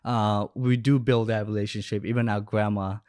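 Here a young adult Bangladeshi man, guesting on a podcast, recounts stories casually during an interview; he's a business owner and coach. His lowish voice stays level at a normal speed, with a slightly mellow, clean tone. He's miked close with a podcast headset indoors, home or studio, with no room sound.

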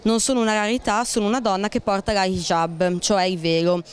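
A woman interviewer reads her script and questions in a smooth, resonant voice. She keeps an even, measured delivery at a middle pitch.

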